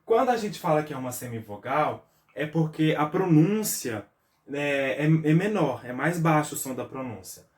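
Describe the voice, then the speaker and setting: A man's voice: on the high side, expressive, moderate pace. A man with a Brazilian Portuguese accent teaching a recorded review lesson for schoolchildren, explaining step by step and checking in often. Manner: patient, explains step by step with frequent "tá?" check-ins and spelled-out syllables. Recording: roomy echo, voice a bit far from the mic.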